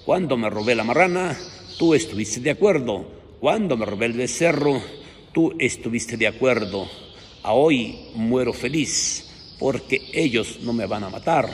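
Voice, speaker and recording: Brief: stern, accusing young thief facing execution as a preacher plays him, echoey hall. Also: male voice, medium pitch, expressive, unhurried, lightly acted. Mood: reproachful. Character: condemned young male thief, defiant and reproachful. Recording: echoey hall, faint noise.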